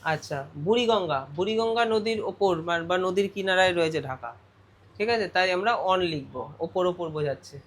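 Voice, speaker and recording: A man's voice: high-pitched, normal speed, fairly bright tone. A male teacher going through a grammar lesson step by step, often putting questions to his students. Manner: explains step by step, asks the class questions.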